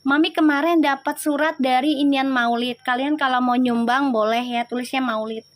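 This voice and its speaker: A woman's voice: high-pitched, steady tone, normal speed, no room sound. A woman reading tarot on a livestream, chatting in slang and teasing her viewers. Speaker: tarot reader.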